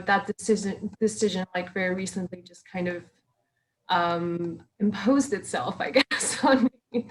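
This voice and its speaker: On a poor recording, a young female musician raised in Serbia and China speaks in a medium-pitched voice as an interview guest. She answers in a hesitant, chatty manner, laughing often and filling her speech with fillers.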